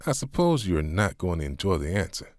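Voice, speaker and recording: A man's voice: low-pitched, sing-song, fairly quick, darkish tone, dry recording, clean studio sound. A man doing a patient, wry old pastor. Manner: firm, instructive, wry questions. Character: patient older male pastor, gently sarcastic.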